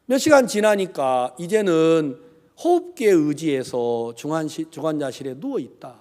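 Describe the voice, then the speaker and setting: A man's voice: a little high, expressive, normal speed, dark tone. A male pastor telling a story in a sermon, acting out the people he quotes with dramatic changes of voice. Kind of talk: sermon storytelling with acted dialogue. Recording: echoey hall reverb.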